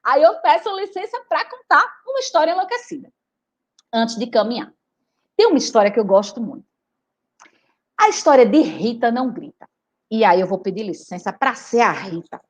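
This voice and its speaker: A teacher from Recife gives a storytelling talk and speaks straight to her audience. Her voice sits high and swings widely in pitch. She sounds chatty and expressive throughout. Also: dull audio. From Recife, Brazil. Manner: animated, chatty, addresses audience directly. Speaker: teacher and writer giving a talk. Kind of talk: lively storytelling lecture.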